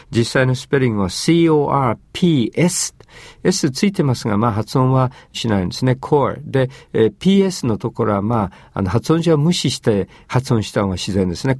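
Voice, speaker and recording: A man hosting an English lesson, explaining phrases in Japanese in a measured way with many fillers. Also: medium pitch, a little mellow, no room sound. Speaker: English teacher and host.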